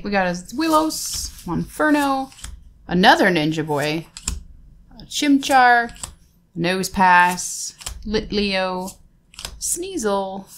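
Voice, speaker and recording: A woman's voice: medium pitch, fairly bright tone, slight background noise. A woman hosting a casual card-pack unboxing, chatting and naming each card aloud with easy laughs. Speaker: host opening trading card packs.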